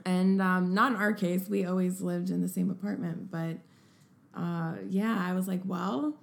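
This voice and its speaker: A young woman talks in a relaxed, upbeat way, her voice slipping into a gravelly fry. Her speech is loose and full of filler words. The room adds a noticeable echo. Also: fairly low pitch, normal speed. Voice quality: upbeat, casual, filler-heavy. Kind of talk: casual chat. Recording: echoey room.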